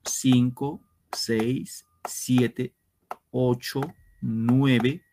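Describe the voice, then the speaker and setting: A male teacher giving an online literature class, explaining slowly and step by step to his students. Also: mid-range voice, level tone, mellow, slight background noise. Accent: Peruvian Spanish. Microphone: computer mic on a video lesson.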